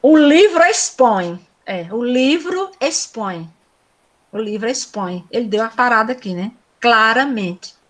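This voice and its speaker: A woman's voice: a little high, lively intonation, a little slow, a bit bright. A middle-aged woman teaching a cordel poetry workshop, reciting verses in a lilting way and explaining meter with frequent "né?" asides.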